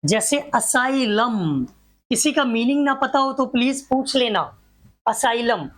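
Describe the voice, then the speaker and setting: Slow, drilling grammar teacher, woman. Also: sits high, steady tone, a bit bright. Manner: repetitive drilling, rhetorical questions, slowly spelled-out examples. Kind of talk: classroom grammar lecture.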